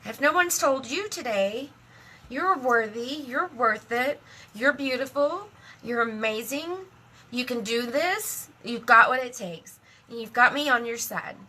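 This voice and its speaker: A middle-aged woman talks on a casual live stream in a bright, fairly high voice. She is emotional and chatty, laughs often and speaks warmly about her faith. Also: expressive, unhurried. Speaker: live video host.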